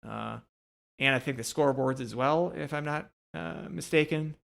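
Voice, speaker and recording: A man co-hosts a sports podcast, chatting casually about hockey in a hesitant, meandering way. He has a mid-range, creaky, slightly bright voice and talks at normal speed.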